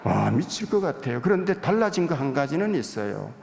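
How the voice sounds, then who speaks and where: A man's voice: a little high, sing-song, brisk, gravelly, a little mellow. A male pastor giving a confessional, humorous sermon in a church sanctuary, with hall reverb.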